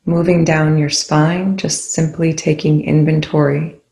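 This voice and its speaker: This meditation guide has a noticeably creaky voice with a fairly even, low-key pitch. Short instructions come slowly and soothingly, separated by long pauses, while the room lends a clear echo to every word.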